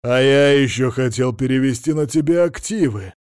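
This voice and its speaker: Man voicing menacing hulking boss, furious, slow heavy threats, storybook reading. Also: medium pitch, lively intonation, a little mellow, smooth, no room sound, clean studio sound, lightly acted.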